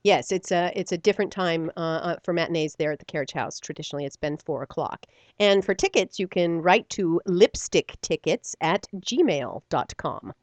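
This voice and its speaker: A middle-aged stage actor and theater company member chats animatedly in a casual radio interview, laughing often and using many fillers. Her voice is fairly low in pitch, at a normal speed, with no echo.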